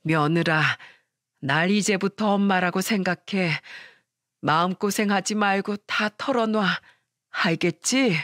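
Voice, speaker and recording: A woman's voice: medium pitch, slow pace, no echo, studio quality. A woman voicing a sympathetic older mother in a storytelling radio reading. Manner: soft, sympathetic. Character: warm older mother, tearful.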